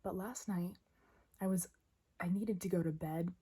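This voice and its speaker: A young woman vlogging from bed at midnight, talking in a hushed, chatty whisper full of fillers. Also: fairly low pitch, fairly even intonation, unhurried, husky. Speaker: book vlogger. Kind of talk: late-night casual vlog. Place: in bed at night.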